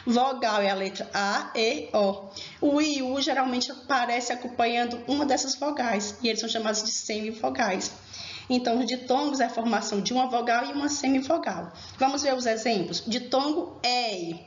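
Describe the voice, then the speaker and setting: A woman teacher giving a recorded grammar lesson, explaining slowly and emphatically and speaking directly to her students. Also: a little high, slight background noise. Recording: echoey room, dull lo-fi sound.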